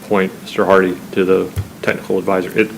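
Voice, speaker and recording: A man on a board making motions, quick and casual, checking he has it right. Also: low-pitched, flat delivery, gravelly, a little hiss or hum, rough recording. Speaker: board member. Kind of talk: speaking at a board meeting.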